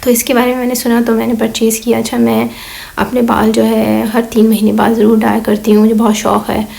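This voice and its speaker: A woman in her thirties from Pakistan, talking slowly through a casual vlog voice-over while hoarse and weak from illness, with many fillers. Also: fairly high pitch, completely flat delivery, warm tone, low-quality recording. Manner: slow, rambling, many fillers. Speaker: vlogger.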